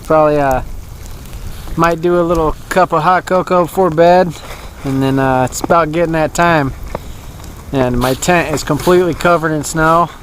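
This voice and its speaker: A somewhat high-voiced man talks his way through a winter camping vlog in an easygoing, rambling style, full of little chuckles and "uh"s. He is outdoors at a snowy campsite on a small action camera, with faint wind and storm noise behind him. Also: moderate pace, rough recording. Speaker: outdoor vlogger. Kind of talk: casual camping vlog narration.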